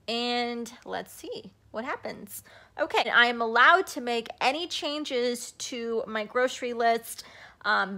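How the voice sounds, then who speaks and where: A woman's voice: on the high side, sharp tone. Chatty woman vlogging into her phone. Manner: chatty, upbeat, many ums. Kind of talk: casual vlog walkthrough. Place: at home, then in a parked car. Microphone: phone camera at arm's length.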